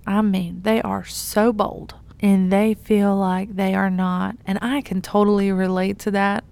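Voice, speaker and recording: Slow, gravelly-voiced woman youth pastor. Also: mid-range voice, darkish tone. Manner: earnest, encouraging, laughs at herself. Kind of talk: casual devotional talk.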